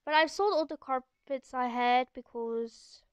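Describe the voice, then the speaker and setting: Recording voice-over in an echoey room at home, a young girl gives casual, rambling game commentary as the video's host. Her high-pitched voice is clean and measured, with no echo on the track, and a sore throat comes through as she chats.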